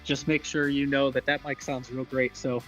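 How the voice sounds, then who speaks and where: A man's voice: mid-range voice, little pitch movement, normal speed, a bit bright, highs cut off, faint music behind. A man hosting a live sports broadcast as play-by-play announcer, casual and chatty, with a self-deprecating way of talking.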